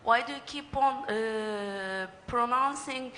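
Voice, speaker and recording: A woman asks a question from a lecture hall audience, speaking slowly with many hesitations and filler sounds. Her voice is fairly high and bright, with faint ambience behind it. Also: a little hiss or hum. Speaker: audience member asking a question.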